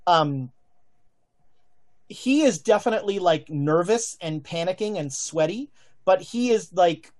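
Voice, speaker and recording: A man improvising narration as game master of a tabletop game, thinking aloud in halting phrases. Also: high-pitched, animated, a little mellow.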